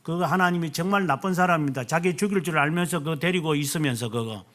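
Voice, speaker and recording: A middle-aged male pastor preaching a sermon, stressing key words slowly and answering himself with "yes". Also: fairly high pitch, fairly bright tone.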